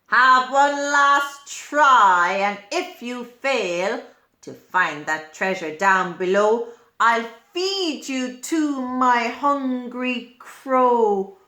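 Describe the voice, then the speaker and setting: A woman's voice: a little high, lively intonation, pushed and bright, full character voice. Woman voicing a bossy, gloating storybook lizard wizard. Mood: threatening. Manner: slow, emphatic, commanding. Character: cross, gloating male lizard wizard bullying a worm. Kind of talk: children's storybook read-aloud. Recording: roomy, echoing room.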